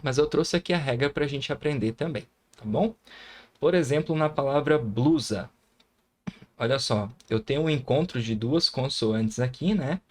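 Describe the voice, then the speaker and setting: A man's voice: medium pitch, moderate pace. A man with a Brazilian Portuguese accent teaching a recorded grammar lesson, patiently sounding out syllables and often checking in with the viewer.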